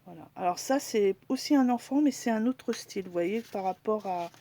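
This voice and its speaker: A woman's voice: medium pitch, moderate pace, mellow. A woman chatting casually in a haul video, hesitant and full of fillers, now and then dropping to a whisper as she shows each item. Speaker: crafting vlogger.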